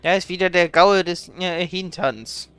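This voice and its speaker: A male streamer comments casually on his game with wry playfulness. His voice is fairly high, bright and very clear. He is recorded close and dry. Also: unhurried, no room sound.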